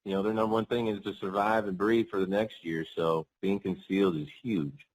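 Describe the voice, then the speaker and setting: A man's voice: low-pitched, steady tone, fairly quick, low-quality recording. A man speaking as a guest hunting guide, casually explaining technique in an interview.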